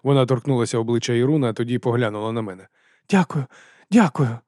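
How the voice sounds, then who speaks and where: A man reading an audiobook in a dry, deadpan, sardonic first-person narration. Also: mid-range voice, racing, no echo. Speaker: audiobook reader.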